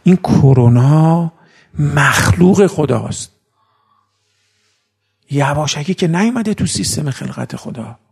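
A man delivers a sermon with a strongly gravelly, rough-edged voice that sits somewhat high. He talks to his listeners in a loose, conversational way and tells stories. He slows right down to recite Arabic sayings before explaining them plainly. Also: lively intonation. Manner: recites Arabic sayings slowly, then explains in colloquial speech. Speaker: cleric giving a religious talk.

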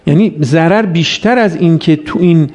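A man's voice: on the high side, a little mellow. A man preaching a religious sermon, exhorting his listeners with rhetorical questions and reciting Arabic verses in a chanted tone.

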